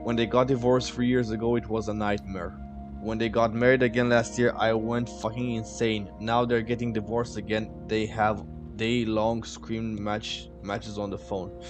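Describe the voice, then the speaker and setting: A man's voice: lowish voice, flat delivery, normal speed, music in the background. Man reading a story game aloud. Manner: reads all characters in his own voice with offhand asides. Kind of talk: casual let's-play narration, reading dialogue aloud.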